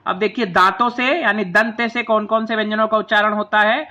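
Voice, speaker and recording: A man teaching a grammar lesson in a high, very bright and ringing voice. He walks through a chart patiently, spelling out each sound slowly one by one. He keeps inviting the listeners to say the sounds along with him. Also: steady tone. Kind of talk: classroom lesson explaining a chart.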